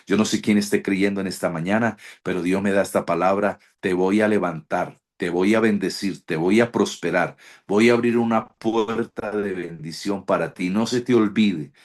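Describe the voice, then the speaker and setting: A man's voice: deep voice, steady tone, normal speed, hardly any pauses. A Colombian man, a pastor with a Colombian Spanish accent, preaching a devotional sermon and praying with fervent, repetitive prophetic declarations. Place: online devotional broadcast.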